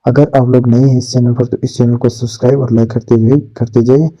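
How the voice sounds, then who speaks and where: A male English teacher with an Urdu accent, a native Urdu speaker, giving a vocabulary lesson and slowly repeating each English word. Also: mid-range voice, little pitch movement, mellow. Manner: slow, drawn-out repetition of English words. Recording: dull lo-fi recording.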